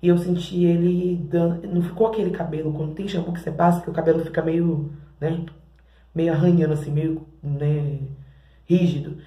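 Woman, Brazilian accent, casual vlogger, very dark warm tone, echoey bathroom sound. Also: sits low, steady tone, moderate pace. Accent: Brazilian Portuguese. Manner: chatty, keeps addressing viewers as "gente". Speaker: hair care vlogger. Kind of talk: casual product-testing vlog. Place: home bathroom.

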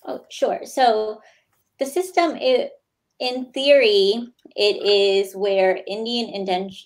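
A woman in her thirties with an American accent, speaking as a guest over a video call in a plain, steady way. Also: mid-range voice, takes it slowly, low-quality recording. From United States. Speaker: guest, lawyer. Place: small indoor room. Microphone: video call webcam.

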